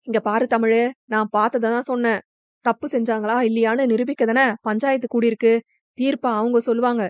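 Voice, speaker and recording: A spiteful village milkwoman making a public accusation, as a woman reader puts her on. She scolds in quick, rough speech. The sound is dull and dry. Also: a little high, level tone, no echo, natural voice. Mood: accusing.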